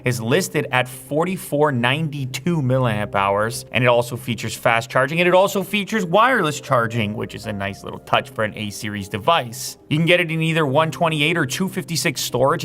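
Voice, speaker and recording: A man hosting a hands-on product review, explaining features and reading off specs in a brisk, explanatory way. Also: medium pitch, a bit bright. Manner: brisk, spec-listing, explanatory. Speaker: tech reviewer host.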